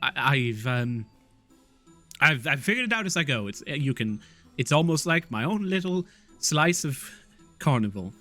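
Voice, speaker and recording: A man doing a stammering, excitable halfling. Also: mid-range voice, moderate pace, long pauses, soft background music. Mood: rambling. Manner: stammering, gushing, eager.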